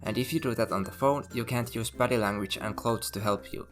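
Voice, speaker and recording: A man narrates a scripted explainer in a steady voice of ordinary pitch. He moves through numbered points at an even, explanatory pace. Faint music plays quietly underneath him. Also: brisk. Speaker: channel host. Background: faint background music.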